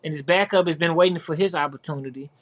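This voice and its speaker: High-voiced man rambling about sports. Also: fast, fairly bright tone. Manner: rambling, repeats words and fillers. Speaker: podcast co-host. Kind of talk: casual sports chat.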